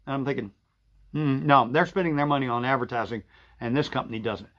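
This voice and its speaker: A man's voice: mid-range voice, fast, a bit bright. Folksy man rambling on a live stream. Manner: rambling, folksy, with fillers and restarts. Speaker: sewing and vacuum shop owner. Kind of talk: casual live-stream chat. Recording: dull lo-fi stream audio.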